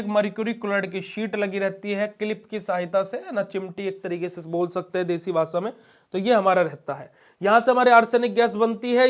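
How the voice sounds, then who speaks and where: A man's voice: high-pitched, smooth. A young man giving a classroom pharmacy lecture, asking questions of his students and answering them himself.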